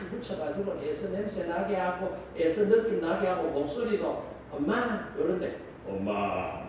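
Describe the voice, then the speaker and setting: A male pastor preaching a sermon, telling a story in a lively, colloquial way. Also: sits high, slight background noise. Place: large church sanctuary. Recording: echoey church hall, distant mic.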